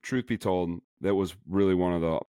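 A man's voice: sits low, moderate pace, mellow, clean tone, no echo. A middle-aged man with a Chicago accent hosting a casual podcast, rambling and enthusiastic, full of fillers and restarts. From suburban Chicago. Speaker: podcast host.

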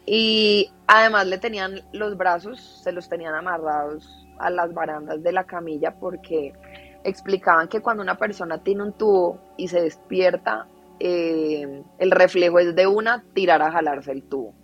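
Podcast guest, female, emotional storyteller, slightly muffled recording with soft music under it. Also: lowish voice, fairly even intonation, moderate pace. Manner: emotional, recounting at length, laughs through sad moments. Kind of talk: personal storytelling in a podcast interview.

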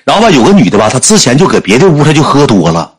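A man's voice: medium pitch, very fast, breathy edge. A man with a Northeastern Chinese accent telling a funny anecdote on a livestream and acting out the people in it. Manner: animated, acts out the people in his story. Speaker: storyteller. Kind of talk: comic anecdote storytelling on a livestream.

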